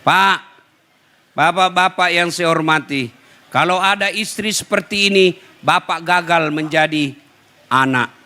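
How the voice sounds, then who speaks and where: A man's voice: on the high side, a little slow, long pauses, sharp tone. A man with a Bugis accent giving a humorous sermon, teasing and addressing the audience directly. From Bugis, South Sulawesi, Indonesia. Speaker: preacher.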